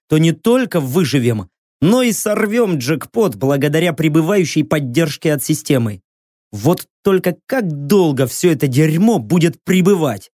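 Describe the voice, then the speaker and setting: A man's voice: on the high side, no echo. Guy narrating an audiobook, intense and dramatic, dry close sound. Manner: intense, rousing delivery with sharp swings.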